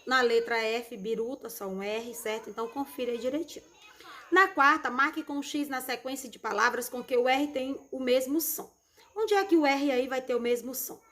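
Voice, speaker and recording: Casting note: Brazilian woman, primary teacher, a bit high voice, warm patient explaining to kids. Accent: Brazilian Portuguese. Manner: affectionate, repeats words slowly for children. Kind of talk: recorded remote lesson correction.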